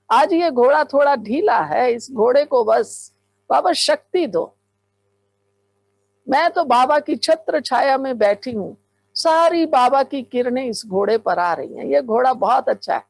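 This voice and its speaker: A woman's voice: high-pitched, a little mellow, no echo. A woman who is a spiritual teacher, giving a fervent guided meditation talk and speaking straight to her listeners with exclamations.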